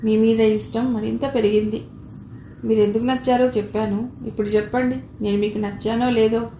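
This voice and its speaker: A woman voicing an affectionate young man in an audiobook, reading his lines gently and with feeling. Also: on the high side, little pitch movement, moderate pace, lightly acted. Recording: echoey room with faint noise.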